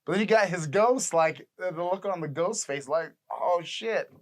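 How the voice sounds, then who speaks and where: Thirties male podcast co-host, loose rambling delivery, quick to laugh. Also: high voice. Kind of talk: casual chat.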